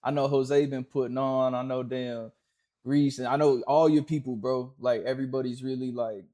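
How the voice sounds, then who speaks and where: A man from Fayetteville, North Carolina, a guest who organizes music cyphers, chatting casually in a relaxed, thankful way with frequent fillers. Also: mid-range voice, moderate pace. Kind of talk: casual interview chat.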